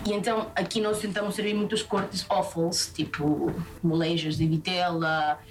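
A woman from Peru with a Peruvian Spanish accent, talking in a lively, chatty way as a chef being interviewed. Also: on the low side, moderate pace, distant mic. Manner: lively, talkative, restarts often. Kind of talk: casual interview chat.

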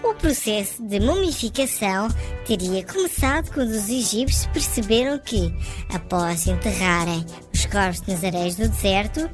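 A woman's voice: medium pitch, animated, moderate pace, over music, lightly acted. A woman voicing a friendly little know-it-all who explains things to children in scripted narration. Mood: friendly, instructive. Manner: clear explaining, greets young listeners.

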